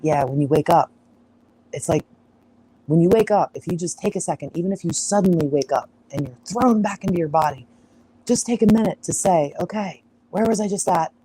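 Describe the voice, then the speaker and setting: A woman with a mellow, rather low voice hosts a casual livestream from a farm. She rambles, sidetracks and laughs easily as she chats with viewers. A faint hum sits behind her. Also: fairly quick, rough recording. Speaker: astrology livestream host. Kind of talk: casual live-stream chat. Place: outdoors on a farm.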